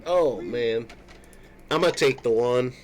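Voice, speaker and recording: A man's voice: mid-range voice, expressive, measured pace, a little hiss or hum. A man chatting casually as a player in a tabletop role-playing game. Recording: faint music behind the voice.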